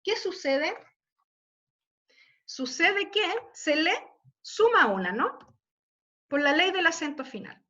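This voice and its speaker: Slow, bright-voiced woman teaching online. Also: very high-pitched, very animated. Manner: slow, patient explaining with frequent check-ins. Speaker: literature teacher. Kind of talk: online class lecture. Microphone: computer mic on video call. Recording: muffled video-call audio.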